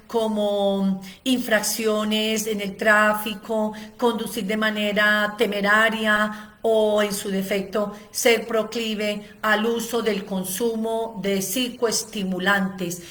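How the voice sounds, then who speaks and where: Lecturing on ADHD in a medium, slightly bright voice, an educator gives a seminar full of long lists. Her explanations run long, dotted with many "eh" fillers.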